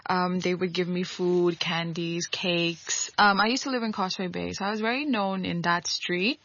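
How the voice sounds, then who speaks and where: A woman in her twenties from Hong Kong, a guest on an interview show, chatting in a relaxed way with small laughs. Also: fairly low pitch, normal speed. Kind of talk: casual interview talk. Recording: dry, dull lo-fi audio.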